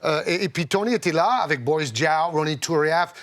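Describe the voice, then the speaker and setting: Middle-aged man, commentator, measured and hesitant, slightly high voice, dry studio. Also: fairly bright tone, no room sound. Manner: measured, hesitant with many fillers. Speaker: basketball commentator. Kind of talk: talk show guest recollection.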